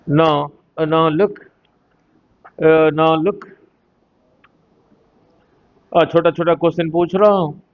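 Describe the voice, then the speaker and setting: A man teaching a physics class, explaining slowly and deliberately and often asking his students whether they follow. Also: a little high, flat delivery, narrow, tinny audio. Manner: slow, deliberate explaining, mixing Hindi and English, asking the class questions. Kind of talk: classroom lecture on a whiteboard.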